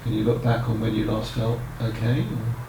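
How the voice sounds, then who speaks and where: Sympathetic male child psychiatrist acted by a man for role-play; gentle, tentative, heard from afar in a noisy room. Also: lowish voice, monotone, normal speed, lightly acted. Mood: sympathetic, probing. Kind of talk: acted clinical consultation. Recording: roomy, distant mic, noisy background.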